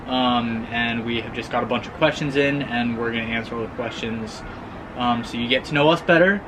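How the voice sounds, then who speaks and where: A man in his twenties from Oregon, chatting casually in a Q&A vlog, relaxed and hesitant with many ums. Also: mid-range voice, roomy sound, background noise. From Oregon, United States. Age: 20s. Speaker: vlogger, youth missions worker. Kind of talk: casual Q&A chat.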